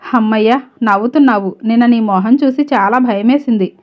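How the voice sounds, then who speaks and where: A woman storyteller voicing a kind, caring young male coworker who speaks softly and gently, on a slightly dull lo-fi recording. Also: a little high, moderate pace, close to an everyday voice. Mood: gentle. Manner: gentle, soft-spoken.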